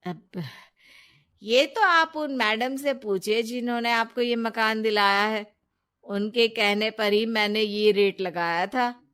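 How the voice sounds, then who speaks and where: A smooth middle-aged property dealer from a storybook tale, as a woman narrator puts him on. He speaks calmly and slowly. He shifts the blame away from himself. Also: a little high. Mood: deflecting.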